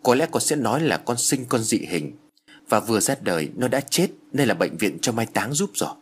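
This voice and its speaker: A timid young wife speaks haltingly, her voice worried and wavering, as a man puts her on. A faint breathiness runs through it. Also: mid-range voice, expressive, slightly rough. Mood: hesitant. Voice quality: hesitant, anxious.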